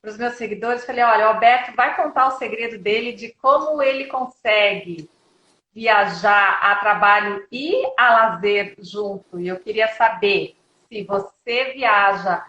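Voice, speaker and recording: A woman's voice: mid-range voice, a little slow, muffled recording. Chatty Brazilian woman on a roomy phone mic. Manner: chatty and lively, addresses followers. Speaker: travel journalist, guest. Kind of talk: casual live-stream conversation.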